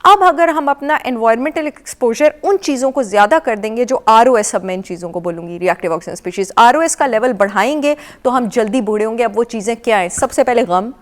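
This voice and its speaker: A woman's voice: on the high side, a little fast, few pauses. A woman with a Pakistani accent, a nutrition expert guest on a TV morning show, lecturing with emphatic repetition and English phrases mixed in. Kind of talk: explanatory talk-show chat. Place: television studio.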